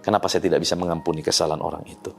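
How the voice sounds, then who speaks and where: A man's voice: low voice, racing, creaky, a little hiss or hum. A man preaching a daily devotional sermon, speaking earnestly and personally to his listeners. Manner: animated delivery with swelling emphasis. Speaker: pastor.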